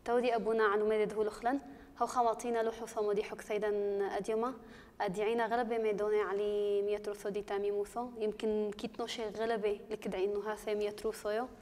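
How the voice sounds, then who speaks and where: A woman's voice: mid-range voice, flat delivery, fast, darkish tone, in a large hall. A woman presenter interviewing a priest on a religious TV program, asking questions and thanking him. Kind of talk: interviewing a guest.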